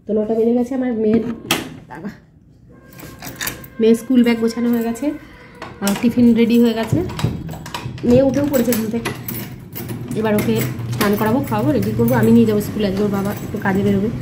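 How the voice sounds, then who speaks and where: A woman's voice: fairly high pitch, steady tone, quick pace, long pauses, background noise. A woman in her thirties speaking Bengali with a slight rural lilt, chatting casually to her viewers as she goes about her daily routine. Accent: Bengali with a slight rural Jessore-Khulna lilt. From India. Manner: chatty, addresses viewers directly, frequent fillers. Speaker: vlogger. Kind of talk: casual vlog narration. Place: home and outdoors while running errands.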